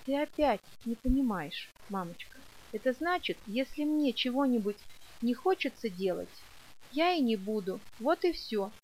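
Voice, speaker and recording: A woman's voice: a little high, expressive, normal speed, darkish tone, a little hiss or hum, lightly acted, poor audio. A woman reading an audiobook and voicing a willful, defiant young girl who explains herself with stubborn childish logic.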